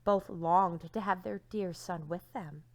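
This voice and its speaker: Expressive woman reading a storybook aloud. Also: on the low side, measured pace. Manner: expressive, dramatic emphasis with hushed line endings. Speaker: teacher reading aloud to young children.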